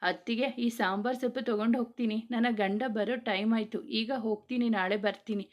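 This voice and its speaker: A woman's voice: fairly high pitch, steady tone, brisk, lightly acted. A woman voicing a cheeky young married sister who talks back playfully. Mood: teasing. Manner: teasing, playful back-talk.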